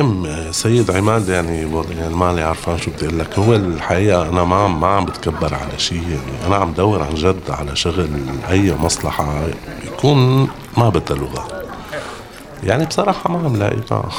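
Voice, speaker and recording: A man's voice: low voice, animated, fast talker, crowd noise. A middle-aged man with a Levantine Arabic accent playing a weary displaced father and former lawyer, hesitant and apologetic.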